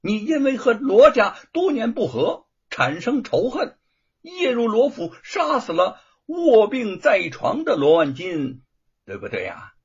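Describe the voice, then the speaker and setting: A man's voice: high-pitched, wildly swooping pitch, measured pace, breathy edge, voice pushed up, exaggerated voice. Man doing a gloating corrupt magistrate. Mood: stern. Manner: gloating, bullying, sneering laughs. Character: scheming, gloating male magistrate, middle-aged. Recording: dull lo-fi recording.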